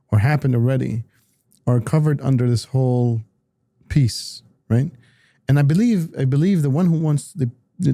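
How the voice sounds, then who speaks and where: A man talking politics as an analyst in a casual discussion, halting often with repeated words and restarts. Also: mid-range voice, gravelly, warm tone, dry recording, studio quality.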